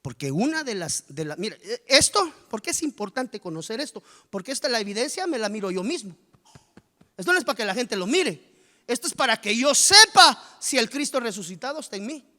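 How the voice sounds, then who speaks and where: A man preaching a sermon as pastor, animated and firing rhetorical questions at the congregation. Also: extremely high pitch, fairly quick. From Guatemala. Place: church. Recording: reverberant church hall.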